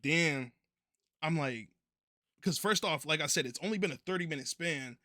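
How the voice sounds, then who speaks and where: Young dude telling a story, casual and cussing a lot, kinda high bright voice. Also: male voice, moderate pace, no room sound, studio quality. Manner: laid-back, profane slang-heavy delivery.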